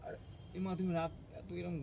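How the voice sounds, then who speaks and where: A young man in a staged prank argument, first coaxing his friend to calm down, then indignantly protesting. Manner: pleading then indignant, rapid talk. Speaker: prank video maker.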